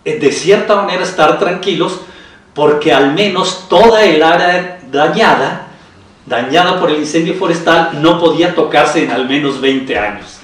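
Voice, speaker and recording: A man with a Mexican accent speaking in a measured, formal way in a panel discussion. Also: a little high, fairly bright tone. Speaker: citizen council member. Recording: echoey room from far off.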